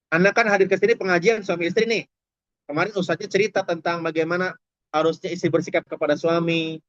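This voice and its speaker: High-voiced man preaching a lively sermon. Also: clear, resonant tone, dry recording. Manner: chatty, humorous, addresses audience directly. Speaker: Islamic preacher. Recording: dull, dry lo-fi recording.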